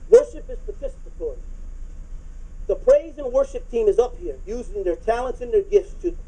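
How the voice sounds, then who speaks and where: A middle-aged man preaching a sermon in a conversational but hyped, restless, over-caffeinated way, with a husky voice and phrases repeated for emphasis. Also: very high-pitched, very animated, moderate pace, mellow, rough recording. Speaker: pastor preaching. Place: church auditorium, speaking from the stage to a congregation.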